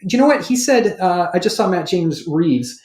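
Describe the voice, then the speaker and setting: A man's voice: high-pitched, moderate pace. A man hosting a podcast in casual chat, rambling and correcting himself as he goes. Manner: rambling, self-correcting, animated. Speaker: podcast host. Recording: roomy studio echo.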